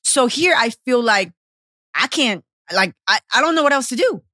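A woman's voice: a little high, lively intonation, normal speed, bright, forceful tone, no room sound, clean studio sound. Blunt, profane woman in her thirties. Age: 30s. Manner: blunt, profane and emotional, acts out quotes. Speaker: podcast host and personal trainer. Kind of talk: candid personal storytelling podcast.

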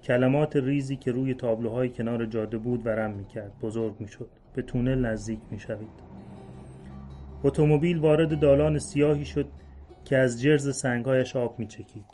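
Mellow-voiced man reading a literary story. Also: medium pitch. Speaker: story reader. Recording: faint music bed under voice.

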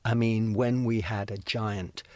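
An older man telling lively stories from his youth in a casual conversation, stammering and restarting as he acts out the voices of people he met. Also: on the low side, a little slow, dry recording. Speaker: guest recalling youth in the counterculture.

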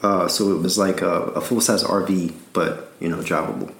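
A man's voice: low voice, fairly even intonation, moderate pace, vocal fry, fairly bright tone, echoey room. A man from Alabama with a Southern accent, rambling through a casual story with frequent laughs and repeated words.

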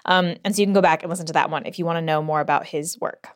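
A woman's voice: low-pitched, fairly even intonation, very fast. A woman hosting a podcast in an informal, conversational way, talking straight to listeners from under a blanket fort in a closet. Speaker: podcast host. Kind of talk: casual solo podcast narration to listeners.

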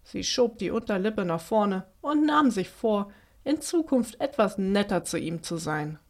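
A woman telling a children's story in a gentle, expressive way. Her voice sits in a mid range and her delivery is steady and clear. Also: medium pitch, a little slow. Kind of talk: children's story read aloud.

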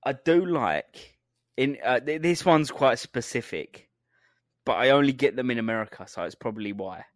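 Young man, English accent, podcast co-host, casual jokey chat, middle pitch, dry close sound. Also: animated, moderate pace, no echo. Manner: jokey, rambling food talk with laughs.

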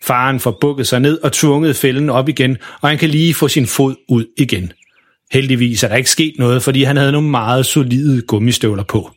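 A man narrating a children's story in a lively, expressive way. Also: mid-range voice.

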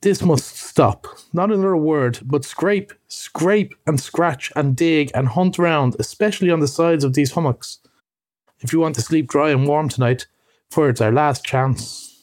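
A man doing an impatient, excitable male rat. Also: a little high, normal speed, few pauses, no echo, natural voice. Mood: angry. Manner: urgent, scolding. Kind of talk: audiobook reading.

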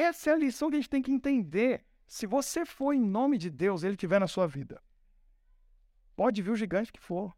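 A male pastor preaching a sermon, telling the story in a lively way, acting out the characters and asking the audience questions. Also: very high-pitched, dry recording, studio quality.

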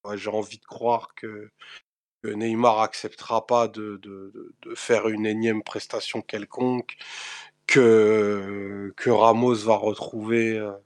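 Male co-host, low and monotone, analytical fan talk. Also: no room sound. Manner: measured, analytical, hesitant with fillers. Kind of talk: casual chat.

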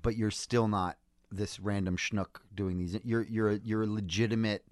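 A man in casual conversation, giving feedback as a guest in a halting, insistent way with many restarts. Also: fairly low pitch, steady tone, no room sound, studio quality.

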